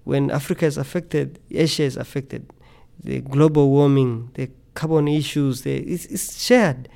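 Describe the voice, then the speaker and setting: A man's voice: mid-range voice, unhurried, vocal fry, mellow. A middle-aged man from Tanzania, a scientist guest speaking earnestly in a podcast interview, often repeating words as he thinks.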